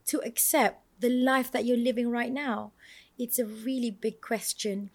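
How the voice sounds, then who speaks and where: Malaysian woman, 30s, solo podcast host; earnest, musing delivery, fairly high voice. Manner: earnest, musing, with frequent fillers and restarts. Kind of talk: reflective solo podcast talk.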